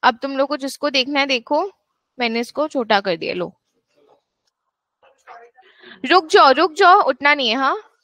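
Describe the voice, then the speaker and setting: A woman's voice: high-pitched, brisk, bright, forceful tone, no echo. A woman tutor giving a classroom lecture, mixing Hindi and English, with firm asides to her students. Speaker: actuarial exam tutor.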